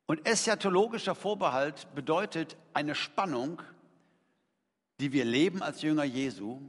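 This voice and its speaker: A middle-aged man preaching a sermon in a conversational, emphatic way, throwing rhetorical questions to his congregation. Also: a little high. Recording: long reverb of a large hall.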